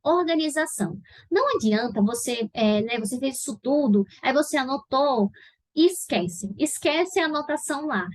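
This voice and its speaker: A woman's voice: high-pitched, lively intonation, normal speed, no echo. A woman with a Brazilian Portuguese accent, an English teacher explaining study steps in a video lesson and checking in with her viewers as she goes. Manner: didactic, checks in with frequent "tá?".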